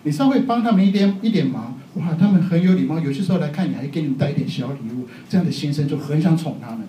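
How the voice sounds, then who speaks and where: A middle-aged man from Taiwan preaches at a quick pace, relaxed and chatty, joking and often laughing at himself. His voice is fairly high and mellow, picked up from a distance in a roomy, echoing hall with faint background noise.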